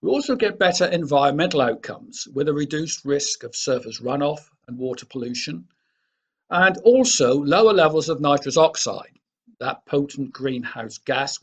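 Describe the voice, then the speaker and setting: A man presents from a script in a formal, explanatory way. His voice is husky and of average pitch for a man. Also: lively intonation, normal speed.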